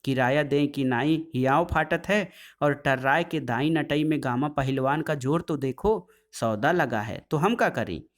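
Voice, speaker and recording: A man's voice: a little high, unhurried, few pauses, natural voice. A man voicing a quarrelsome older woman neighbour who scolds and taunts in a dialect-heavy way. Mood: taunting.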